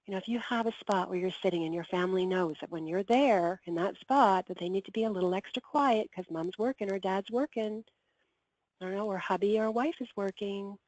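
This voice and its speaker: A woman's voice: medium pitch, a little mellow, dry recording. A woman coaches her team over a call in an upbeat, encouraging way, her voice worn from talking. The sound is dull and lo-fi, close and dry with no room around it. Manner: upbeat, coaching, quick asides. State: losing her voice. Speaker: team trainer. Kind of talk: training call talk.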